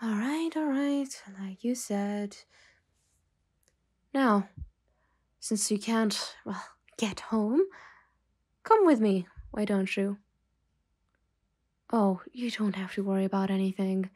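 Calm and reassuring, a woman at medium pitch voices a stern yet softening mafia boss in an intimate ASMR roleplay. Her phrases are measured and broken by pauses, frequently dropping almost to a whisper.

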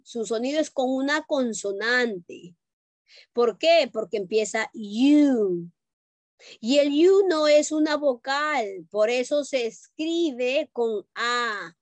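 A woman gives an online English lesson to young children in a high voice at a slow, patient pace. She repeats each point and keeps checking that the kids follow. The sound is dry, with no room echo. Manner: patient, repetitive, checks understanding with questions; calls children pet names. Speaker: primary school English teacher. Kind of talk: online class explanation to children.

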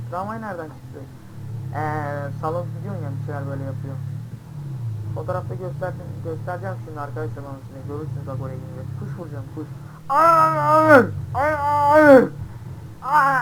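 A young man chatting excitedly over his gameplay, yelping and swearing at the game. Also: fairly high pitch. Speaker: gameplay streamer. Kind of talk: casual gameplay commentary. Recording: single mic with game sound behind. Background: game ambience and vehicle noise.

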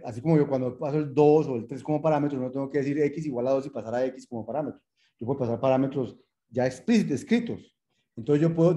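Very dark-voiced male programming lecturer. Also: mid-range voice. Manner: patient, repetitive explaining with rhetorical check-ins; addresses students formally, thinks aloud while typing. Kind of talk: lecture with live coding.

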